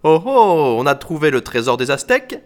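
A man's voice: a little high, sing-song, moderate pace. A man doing a grumpy, wry old stage actor. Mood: jovial.

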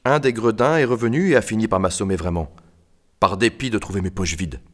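A man's voice: on the low side, fairly quick, lightly acted. A man voicing a proud, ruined nobleman, a count who speaks in a haughty and indignant way in an audiobook story. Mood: defensive. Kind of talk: audiobook reading.

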